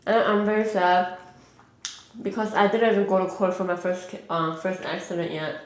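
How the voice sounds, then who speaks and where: Young woman, mukbang vlogger, chatty and rambling, lots of 'like', mid-pitched voice, echoey room. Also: normal speed. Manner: rambling, heavy use of 'like'. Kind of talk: casual chat while eating.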